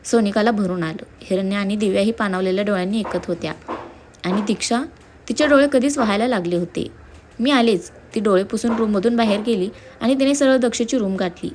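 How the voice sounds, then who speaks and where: A woman reads a serialized story aloud. Her delivery is steady and expressive. Her voice sits at a middle pitch. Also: a little fast, a little hiss or hum. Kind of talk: scripted story narration.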